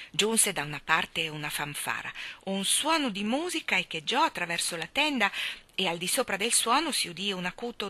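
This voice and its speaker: A woman reading a children's novel aloud, expressive and shifting between character voices. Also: mid-range voice, no echo. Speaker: audiobook reader. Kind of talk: storybook reading.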